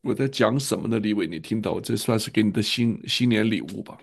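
A man's voice: lowish voice, a little fast, vocal fry, slightly rough. A male pastor earnestly telling a family story and repeating phrases for emphasis in a sermon.

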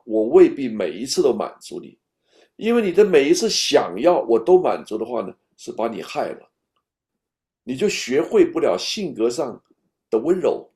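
A man giving a patient, step-by-step talk on raising children, at times speaking straight to an imagined baby and dropping to a soft whisper. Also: on the high side. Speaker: parenting speaker.

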